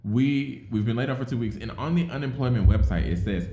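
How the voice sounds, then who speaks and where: A man co-hosting a casual podcast, wry and quick with short agreeing asides. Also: mid-range voice, dark tone, echoey room. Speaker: podcast co-host.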